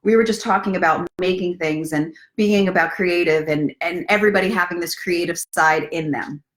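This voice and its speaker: A woman with a fairly low-pitched voice speaks briskly while hosting a casual live story time. She's a self-love coach who talks directly to viewers in a playful, encouraging way, blending live-stream chat with guided breathing and book reading.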